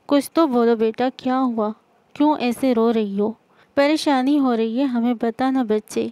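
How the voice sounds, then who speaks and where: A woman's voice: a little high, warm tone, no echo, lightly acted. Woman reading a fretful, doting aunt. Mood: worried. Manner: anxious, fussing. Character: worried doting middle-aged aunt.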